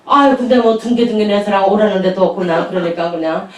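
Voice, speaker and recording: A woman's voice: mid-range voice, quick pace. A woman pastor telling chatty anecdotes in a sermon, laughing often as she speaks. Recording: echoey room, distant mic.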